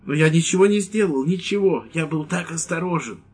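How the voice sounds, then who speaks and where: A man voicing a timid, squeaky old former priest who pleads anxiously, in an audiobook. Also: lively intonation, normal speed, husky. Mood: flustered.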